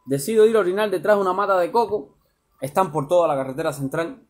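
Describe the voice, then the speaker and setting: A man reading his own first-person story aloud, lively and colloquial. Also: high-pitched, fast talker.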